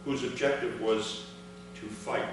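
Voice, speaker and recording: Recorded from a distance in a spacious, echoing venue, this man reads a first-person account his father wrote, pausing between measured phrases for the commemoration audience. His pitch is fairly low and his intonation fairly even, and background noise is clearly audible.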